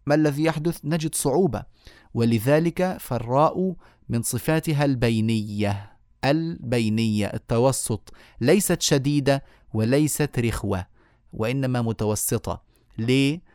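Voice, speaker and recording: Teacher explaining pronunciation. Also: male voice, medium pitch, moderate pace, darkish tone, dry recording, studio quality. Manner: explanatory, repeats key words, demonstrates sounds aloud. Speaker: Quran recitation teacher. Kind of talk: online lecture on tajweed.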